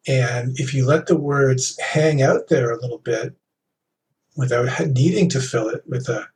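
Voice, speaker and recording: Male interviewer, mid pitch, thoughtful and filler-heavy, distant from the mic. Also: measured pace, a little mellow, slight background noise. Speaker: podcast host. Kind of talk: podcast interview.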